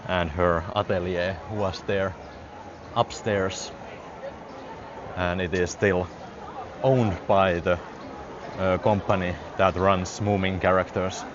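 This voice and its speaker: Walking outdoors through a city parade on a busy street, a Finnish-accented man chats casually to his livestream viewers and chuckles often. His voice sits low and flat as he speaks slowly, and the handheld phone audio is dull with a noisy background.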